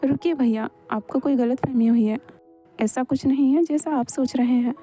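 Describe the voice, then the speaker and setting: A polite younger brother answers respectfully in a slightly raised, very mellow voice, voiced by a woman. It is a homemade Hindi fan voice-over dub. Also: high-pitched, normal speed, soft background music. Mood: deferential. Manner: polite, deferential replies.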